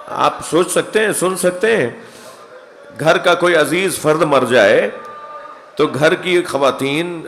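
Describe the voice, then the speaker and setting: A man, a cleric giving a mourning sermon, who tells stories with acted-out quotes and climbs from soft narration to anguished cries. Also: fairly high pitch, big-room sound, slight background noise. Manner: recounts a story, acting out quoted voices. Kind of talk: Muharram majlis sermon.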